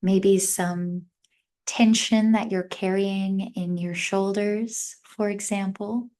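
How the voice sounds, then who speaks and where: Speaking very slowly in a mid-range voice with fairly even intonation, a woman guides a meditation. Her instructions are gentle, short, and measured, separated by long pauses.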